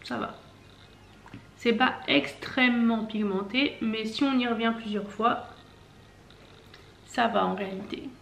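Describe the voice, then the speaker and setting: A woman's voice: fairly high pitch, unhurried, vocal fry, long pauses, a bit bright, slight background noise. A woman in her twenties, a makeup vlogger chatting casually and explaining each step as she goes. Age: 20s. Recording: echoey room, faint background music.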